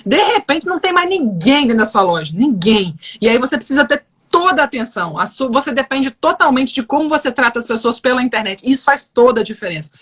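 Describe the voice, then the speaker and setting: A woman co-hosts a casual live-stream chat, talking fast and animatedly. Her voice sits fairly high, and she slips into little performed bits of dialogue as she tells stories. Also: breathy edge. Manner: animated, acts out quoted dialogue. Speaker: live show co-host.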